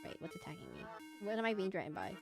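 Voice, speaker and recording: Rapid-fire and sing-song, a woman's mid-range, slightly nasal voice carries her casual, self-deprecating rambling as she streams a video game live. Music plays behind the voice.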